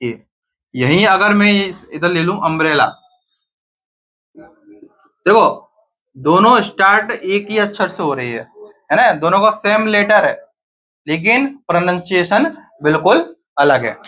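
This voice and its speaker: Guy teaching grammar to a class, high bright voice, keeps quizzing students. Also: expressive, slow, pauses often. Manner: asks students questions and answers them himself.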